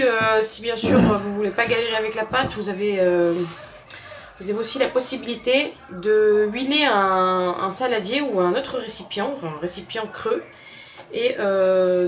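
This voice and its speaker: A mid-range female voice with a Southern French accent comes across with a little hiss or hum. Cooking in her home kitchen, she casually demonstrates a recipe, chats directly with viewers, and repeats words a lot.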